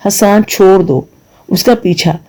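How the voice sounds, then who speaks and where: A man's voice: sits high, warm tone. A man voicing a stern, firm middle-aged father.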